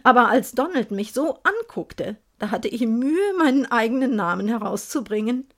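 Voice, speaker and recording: A woman narrating a first-person story aloud in a lively, expressive manner. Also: a little high, moderate pace.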